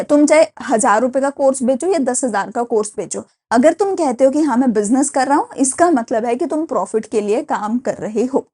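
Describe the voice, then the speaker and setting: A young woman with an Indian accent delivers a recorded classroom lecture. Her voice sits high yet sounds mellow and soft-edged. She explains patiently, asking rhetorical questions and checking in with her students. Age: young adult. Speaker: teacher.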